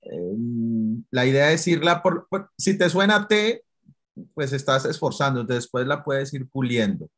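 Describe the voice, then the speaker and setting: A man's voice: mid-range voice, sing-song, unhurried, a bit bright. A man teaching English to Spanish speakers in an online class, explaining patiently, step by step, with many fillers.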